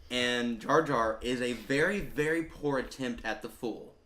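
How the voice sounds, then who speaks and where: A man's voice: mid-range voice, unhurried, fairly bright tone, slight background noise. Brief: wry male co-host, mid-range voice, blunt opinions. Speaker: podcast co-host. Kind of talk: casual fan chat.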